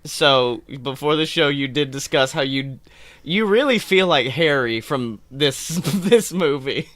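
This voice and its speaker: This podcast host's voice is a little high and unhurried, recorded with no room sound. He chats casually and complains about a film in an animated, exasperated, profanity-laced comic rant.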